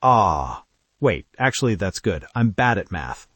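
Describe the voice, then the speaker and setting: Animated, comic American man. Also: fairly low pitch, measured pace, slightly rough. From United States. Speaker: learner in a lesson dialogue. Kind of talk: scripted conversation lesson.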